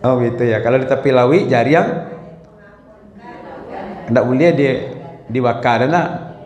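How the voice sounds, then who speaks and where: A Quran study teacher leads an informal lesson in a roomy, echoing hall, speaking conversationally and often checking with listeners by asking "ya kan?" He chants short verses as examples. His mid-range voice is a little slow and a little mellow.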